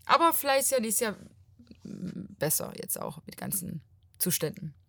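A woman's voice: mid-range voice, moderate pace, gravelly, no room sound. Young woman from portugal, chatty and bubbly, lots of laughs, dry close sound. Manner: lively, talkative, laughs often. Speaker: podcast guest. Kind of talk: casual chat.

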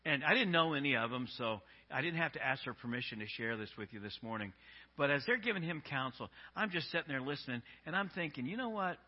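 Husky man preaching, dull lo-fi sound. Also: medium pitch, expressive, fast talker. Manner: conversational storytelling with many restarts. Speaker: pastor. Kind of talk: sermon.

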